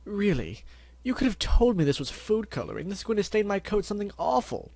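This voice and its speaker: A man's voice: high voice, very animated, a little fast, a little mellow, dry recording, voice pushed up, exaggerated voice. Man putting on a fussy, genteel lady pony. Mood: appalled. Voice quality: stuffy-nosed. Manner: genteel, flowery, theatrical. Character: refined, fussy, dramatic female pony dressmaker.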